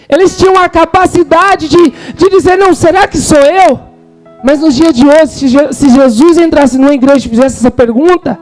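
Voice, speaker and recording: A man's voice: very high-pitched, darkish tone, low-quality recording. A man with a Brazilian Portuguese accent preaching a fervent sermon in a church, quoting scripture and acting out the disciples' words. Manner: fervent, quotes scripture and acts out disciples' lines.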